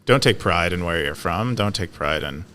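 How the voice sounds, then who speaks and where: Low-pitched and sharp in tone, the man speaks animatedly at a normal speed. He's a California podcast co-host casually working through an idea, stumbling over fillers, restarts and pauses.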